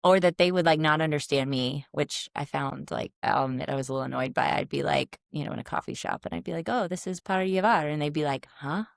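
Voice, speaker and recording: A middle-aged woman co-hosting a podcast, chatty and animated as she recounts family travels. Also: deep voice, fast talker, gravelly, hardly any pauses, no echo, clean studio sound. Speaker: podcast co-host. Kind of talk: casual storytelling chat.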